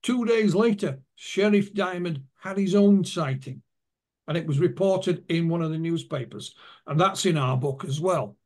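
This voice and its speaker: A man's voice: fairly high pitch, moderate pace, a little mellow. A man being interviewed as an author, telling anecdotes and retelling what witnesses told him. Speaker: author and guest. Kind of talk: interview storytelling.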